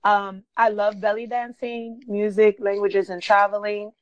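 A Brooklyn blogger appears as a guest in a casual podcast interview, chatting, laughing often and saying "like" a lot. Her mid-range, smooth voice is flat and a little slow, captured in a dull, dry lo-fi recording with no room sound.

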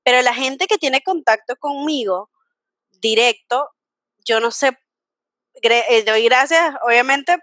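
A Venezuelan woman with a high voice hosts a relaxed podcast conversation. She tells stories with lively energy and breaks into laughter often, all recorded close and dry. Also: slow, long pauses, no echo. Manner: animated storyteller, laughs often. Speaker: podcast host. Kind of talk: casual podcast chat.

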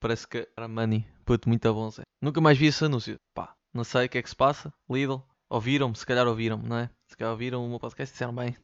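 A man's voice: medium pitch, steady tone, fast, hardly any pauses, smooth, dry recording, highs cut off. A man with a Lisbon Portuguese accent hosting his own podcast from his bedroom, rambling and joking with lots of slang and swearing. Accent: European Portuguese, Lisbon slang. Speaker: podcast host. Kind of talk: casual solo podcast rant. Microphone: studio mic, sometimes off-axis.

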